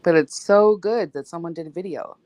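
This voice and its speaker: A woman's voice: lowish voice, a little fast, warm tone, no room sound. A woman hosting a casual live-stream chat, teasing and laughing often. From Saint Louis. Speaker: host.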